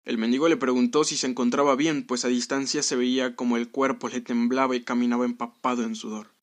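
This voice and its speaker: Hushed, dramatic male storyteller. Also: medium pitch, flat delivery, quick pace. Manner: hushed and dramatic, sinking into whispers. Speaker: narrator. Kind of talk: scripted story narration.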